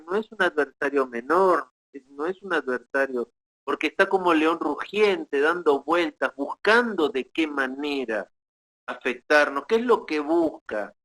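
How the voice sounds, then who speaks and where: A man preaching as pastor, teaching in a measured way with pauses and short tag questions to the congregation. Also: fairly high pitch, a bit bright, poor audio. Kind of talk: sermon.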